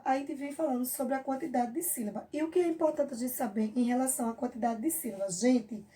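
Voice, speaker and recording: A Brazilian woman teaching a children's review lesson in a high but mellow voice. She talks patiently and draws out each example word. She keeps checking in with her young listeners. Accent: Brazilian Portuguese. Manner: patient, drawn-out examples, frequent check-ins with the class.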